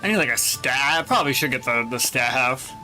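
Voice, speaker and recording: A man's voice: medium pitch, expressive, a little fast, sharp tone. A man streaming a game, commenting casually to himself, swearing and puzzled at what happens. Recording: faint game music behind.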